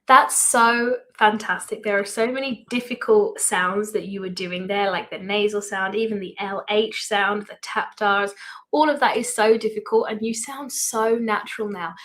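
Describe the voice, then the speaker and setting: A woman's voice: medium pitch, steady tone, normal speed, fairly bright tone. A woman hosting a casual livestream interview as a language teacher, upbeat and full of effusive praise. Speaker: language program host and teacher.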